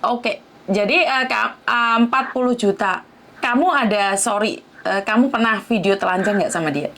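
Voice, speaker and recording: A woman's voice: fairly high pitch, moderate pace, background noise. A woman hosting a live-stream interview, probing and often asking for confirmation. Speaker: host.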